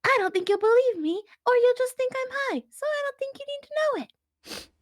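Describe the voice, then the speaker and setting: Woman, very high voice, dry sound, tabletop player in character, exasperated. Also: animated, a little fast, no echo. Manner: exasperated, swearing.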